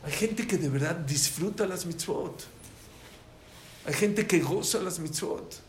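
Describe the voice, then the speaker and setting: A man teaching a Torah lesson, telling stories with animated quoted voices. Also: a little high, takes it slowly. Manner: animated storyteller, voice rising in quotes. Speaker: rabbi teaching a class. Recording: echoey room with faint ambient noise.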